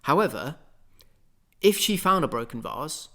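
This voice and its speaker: A man's voice: a little high, lively intonation, measured pace, pushed and bright. A man, hosting a casual spoken monologue in a rambling, conversational way full of asides. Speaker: podcast host.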